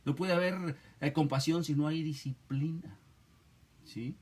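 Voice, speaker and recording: A male preacher with a slightly raised pitch leads a Bible study sermon. He talks in short, emphatic bursts, repeating his points and tagging nearly every phrase with a question to the listener. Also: unhurried, slightly rough. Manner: constant tag questions, emphatic and repetitive.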